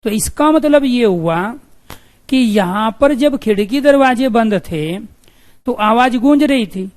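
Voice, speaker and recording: A man teaching Hindi grammar to exam students, repeating the letter sounds and often checking with "clear?". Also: extremely high pitch, expressive, slow. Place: room with two windows and an open door.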